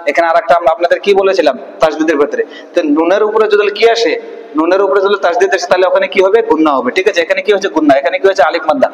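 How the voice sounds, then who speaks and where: Male Quran teacher, high-pitched, patient drilling style, slow chanted recitation, reverberant room. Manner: asks questions and answers them himself, spells syllables slowly. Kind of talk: online Quran reading lesson.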